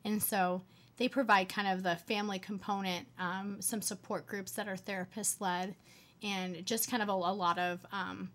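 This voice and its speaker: A woman's voice: mid-range voice, level tone, normal speed, fairly bright tone. A young woman in her twenties, a medical student answering interview questions earnestly with many fillers. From United States.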